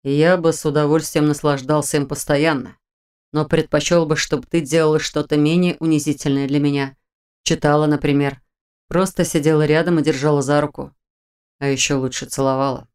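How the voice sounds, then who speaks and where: A woman's voice: low-pitched, flat delivery, brisk, darkish tone, clean tone, voice pushed down, lightly acted. A woman voicing a weak, bedridden male general who grumbles and teases wryly. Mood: teasing. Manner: grumbling, wry.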